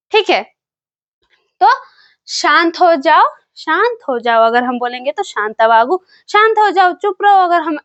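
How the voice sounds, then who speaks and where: A woman teaching phrases in a slow, patient lesson, repeating each one. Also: high-pitched, dry recording, dull audio. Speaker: language teacher.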